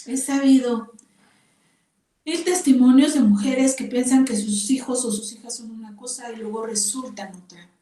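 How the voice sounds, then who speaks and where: An older woman, teaching a Bible class to women and telling personal stories with lively exclamations. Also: fairly high pitch, normal speed. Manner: expressive storytelling with exclamations and laughter. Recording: echoey room from far off.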